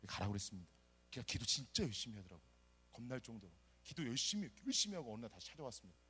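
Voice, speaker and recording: A middle-aged man from South Korea, a pastor preaching a sermon and telling his own story, animated and acting out the people he quotes. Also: mid-range voice, racing, slightly rough. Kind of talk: sermon with personal testimony.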